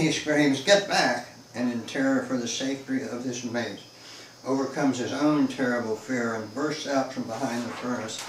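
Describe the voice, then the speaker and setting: A man reading his own novel aloud in a dramatic, shifting narrating style. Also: mid-range voice. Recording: echoey room, mic far off, faint hiss.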